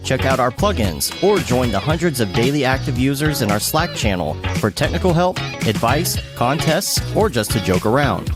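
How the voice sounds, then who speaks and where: A man's voice: mid-range voice, normal speed, hardly any pauses, over music. A man hosting a podcast, joking around in casual chat and voicing the show's promos. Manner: joking, animated. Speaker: podcast host.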